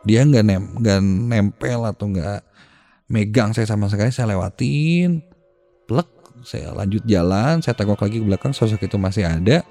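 A man, hosting a podcast and telling a ghost story in a hushed, suspenseful way. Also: lowish voice, normal speed. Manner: hushed, suspenseful, dropping to near-whispers. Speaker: podcast host. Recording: faint music behind the voice.

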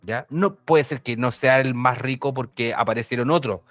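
Chilean man, podcast co-host, medium pitch, halting speech, dry sound. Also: fairly bright tone, no echo, soft background music. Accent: Chilean Spanish. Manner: halting, many restarts while making a point. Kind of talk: casual chat.

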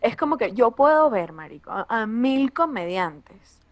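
A young woman comedian with a Venezuelan accent, talking casually and bluntly, swearing freely in a relaxed conversation. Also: on the high side. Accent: Venezuelan Spanish. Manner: blunt and profane, quick asides.

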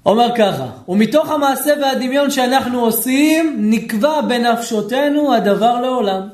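A man, a rabbi, teaching a lively Torah lesson, questioning his listeners and acting out shouting people. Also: extremely high pitch, echoey room. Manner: animated, asks the audience questions, acts out shouting people.

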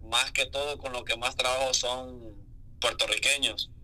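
A man's voice: mid-range voice, steady tone, a little slow, sharp tone, rough recording. A man with a Honduran Spanish accent, a music artist telling his story candidly in a casual interview.

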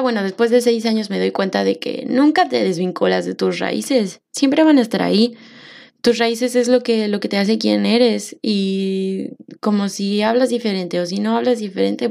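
A young woman from Mexico talks through her own story on a solo podcast. She has a Mexican accent and speaks reflectively, pausing on fillers and restarting her sentences. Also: fairly high pitch, gravelly, a little mellow. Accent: Mexican Spanish. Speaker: podcast host. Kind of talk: personal monologue podcast.

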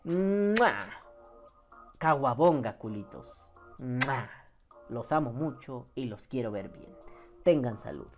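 A man with a Mexican accent hosting a podcast, reading viewer comments in casual, profane chat and jumping into high mock voices. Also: slow, long pauses, over music. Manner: animated, swings into high mock voices, swears freely.

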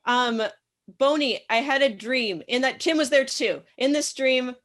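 Woman, guest, video call, playful, deadpan humor. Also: high voice, a little slow. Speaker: returning guest. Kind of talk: casual chat on a video call.

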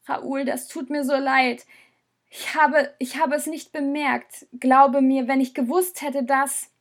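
A woman's voice: fairly high pitch, flat delivery, measured pace, vocal fry. A woman reading an audiobook, voicing a tearful girl who pleads and apologizes. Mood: pleading. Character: tearful, guilt-ridden girl. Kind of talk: audiobook character voice.

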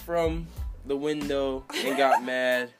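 A man's voice: medium pitch, takes it slowly, music in the background. A young man telling a workplace story in casual chat, laughing through it. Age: young adult. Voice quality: laughs through his stories, animated.

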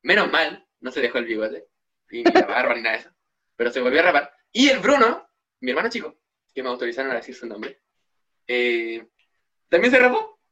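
A man's voice: mid-range voice, big pitch swings, fairly quick, pauses often, sharp tone. A young man with a Chilean Spanish accent, co-hosting a podcast and telling stories in a rambling casual way. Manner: rambling storyteller with restarts. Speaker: podcast co-host. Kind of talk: casual chat.

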